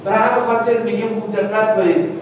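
High-voiced man lecturing in an echoey room. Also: fairly even intonation, background noise. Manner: prompts students to finish his sentences; explains word meanings step by step with checking questions. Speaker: teacher. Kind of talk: classroom lecture. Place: classroom. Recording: echoey distant dull lo-fi classroom recording.

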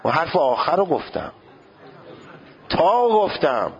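A man's voice: fairly high pitch, very animated, highs cut off. A male seminary teacher giving a jurisprudence lecture, questioning his students and sounding out pronunciations as he goes.

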